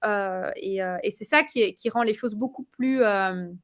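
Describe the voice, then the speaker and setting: A woman giving a casual testimonial, talking with many fillers, pauses and restarts. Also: mid-range voice.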